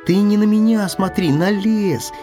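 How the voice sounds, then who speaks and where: A man doing a squeaky, bossy little hedgehog. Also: a little slow, dark tone, soft background music. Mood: insistent. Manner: insistent, lecturing, high and squeaky. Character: small fussy hedgehog, excitable and bossy.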